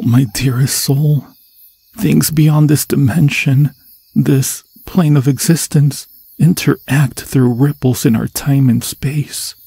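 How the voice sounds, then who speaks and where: In an ASMR fantasy roleplay, a man voices an obsessed undead forest demon, seductive and menacing. His warm, mid-range voice is husky and breathy, often sinking to a whisper as he croons endearments in archaic, formal phrasing, slow, theatrical, heavily acted, and intimate, with no room sound.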